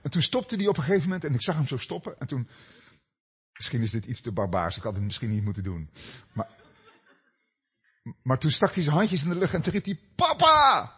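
A middle-aged man preaching a sermon, telling stories with dramatic swings between loud cries and hushed, low passages. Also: sing-song, brisk, pauses often, husky. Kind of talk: sermon with personal story.

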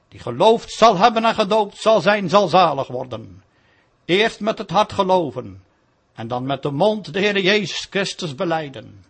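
A man's voice: high voice, fairly bright tone, husky. A man preaching a sermon in a solemn, pleading manner.

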